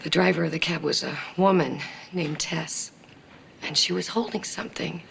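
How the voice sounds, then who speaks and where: An actress playing a sincere kindergarten teacher testifying plainly and earnestly in a TV courtroom drama. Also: female voice, deep voice, steady tone, moderate pace, creaky, fairly bright tone, a little hiss or hum, exaggerated voice. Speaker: witness. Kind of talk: television courtroom drama acting.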